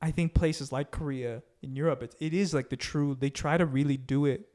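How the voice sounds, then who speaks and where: A man co-hosting a podcast in casual chat, easygoing and quick to laugh. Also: on the high side, steady tone, a little mellow. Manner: easygoing, chatty, laughs often. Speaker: podcast co-host.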